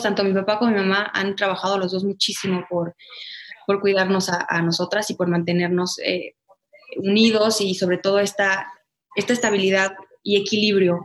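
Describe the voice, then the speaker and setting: A woman, a guest talking in a casual interview and acting out quotes as she tells her story. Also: mid-range voice. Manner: animated storyteller, acts out quotes. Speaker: guest, former pageant winner.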